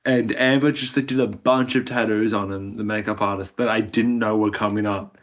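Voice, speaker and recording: A man's voice: fairly low pitch, steady tone, normal speed. An Australian man, an actor, talking casually in an interview.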